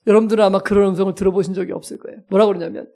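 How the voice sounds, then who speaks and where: A man with a fairly high voice preaches a sermon in a storytelling way. He acts out each scene with energy and pokes fun at himself. He sounds like a pastor talking straight to his congregation. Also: very fast, vocal fry. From South Korea. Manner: lively, self-mocking storyteller who acts out scenes.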